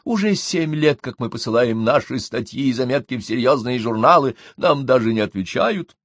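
A man voicing an elderly mother, fussy and self-pitying, with a high, drawn-out plaintive voice. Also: expressive, a bit bright, no echo. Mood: complaining.

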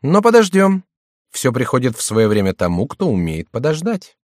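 A man's voice: mid-range voice, huge pitch swings, normal speed, no echo, studio quality, voice pushed up. A man voicing a sly, mocking court jester who mutters wryly to himself, in an audiobook reading. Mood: puzzled. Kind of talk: audiobook character voice.

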